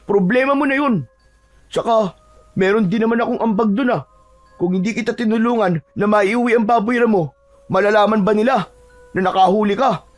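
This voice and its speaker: Guy putting on a bossy bragging young tribesman, way up high in pitch, faint music behind. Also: moderate pace, close to an everyday voice. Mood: arrogant. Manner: bossy and scornful.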